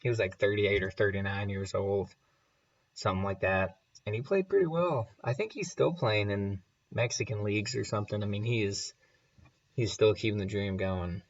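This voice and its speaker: A man hosting his channel in a casual chat, rambling and chuckling as he reads viewer comments, heard through low-sample-rate audio from a remote setup. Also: moderate pace. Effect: low sample rate, muffled low-quality audio. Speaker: channel host.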